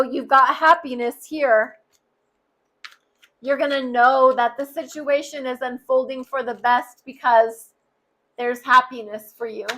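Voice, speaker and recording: A woman's voice: high-pitched, a bit bright. A woman giving a tarot card reading, speaking earnestly and straight to the listener. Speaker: tarot reader.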